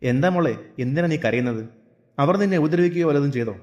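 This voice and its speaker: A man's voice: mid-range voice, quick pace, darkish tone, close to an everyday voice. A man voicing a concerned, earnest young son-in-law in a storybook reading, asking anxious questions.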